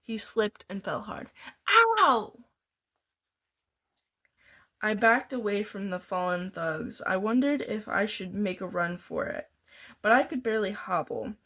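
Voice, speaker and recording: A woman reading a novel aloud in a deliberate way, sometimes restarting a phrase. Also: medium pitch, a bit bright. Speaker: reader.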